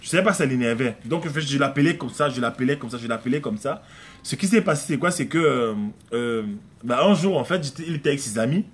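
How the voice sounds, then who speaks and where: A man's voice: medium pitch, fast talker. A man preaching a conversational sermon at home, emphatic and repetitive, often acting out prayers and little dialogues. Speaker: pastor. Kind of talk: conversational live-streamed sermon.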